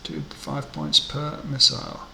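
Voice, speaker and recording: A man's voice: a little high, sing-song, unhurried. A man hosting a let's play, commenting casually and reading game text aloud. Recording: roomy home recording with clear noise.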